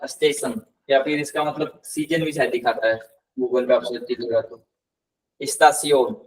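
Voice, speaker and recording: A man teaching a live language class, patiently repeating words slowly and quizzing his students. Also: medium pitch. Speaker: Spanish tutor. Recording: voice somewhat distant from the mic.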